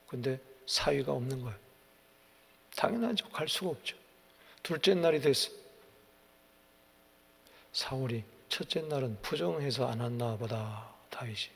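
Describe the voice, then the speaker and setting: Husky gravelly pastor in a reverberant church. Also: male voice, mid-range voice. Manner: animated storytelling, acts out quotes. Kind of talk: early-morning sermon. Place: church sanctuary. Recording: long hall reverb.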